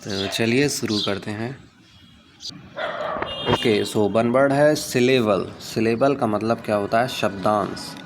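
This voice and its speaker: A man runs through an exam vocabulary list in a revision lesson, explaining each word in Hindi and repeating it. He reads the English definitions slowly and deliberately in a lowish voice. A faint hiss sits behind him.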